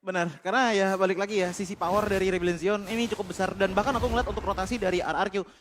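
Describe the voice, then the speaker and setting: A man's voice: high-pitched, fairly even intonation, rapid-fire, noisy background. A man with an Indonesian accent giving detailed analytical esports commentary, peppered with English game terms. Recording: loud music behind the voice. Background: music.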